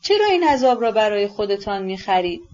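A woman's voice: mid-range voice, big pitch swings, a little mellow, natural voice. A woman voicing a shy, earnest young man who speaks timidly and sincerely, in a storybook reading on a dull recording.

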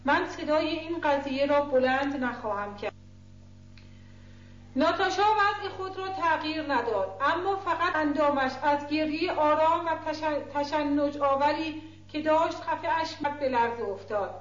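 A woman narrates a literary audiobook in a measured, steady way. Her voice is high for a woman. The recording is roomy and somewhat dull in tone. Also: slight background noise.

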